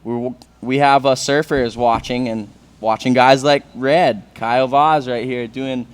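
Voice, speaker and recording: A man's voice: medium pitch, fairly even intonation, a little slow, clean tone. A man giving live sports commentary on a surf contest, explaining things in a conversational way.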